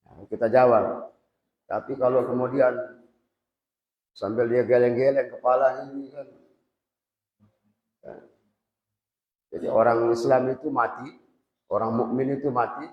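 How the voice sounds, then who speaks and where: A man gives a relaxed religious lesson, chatting with his students and stopping to quiz them directly. His voice rings through a roomy hall with a long reverb tail. The recording is dull and lo-fi. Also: medium pitch, measured pace, pauses often. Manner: conversational, quizzes students directly. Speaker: Islamic boarding school teacher. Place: boarding school prayer hall. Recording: echoey hall, dull lo-fi sound.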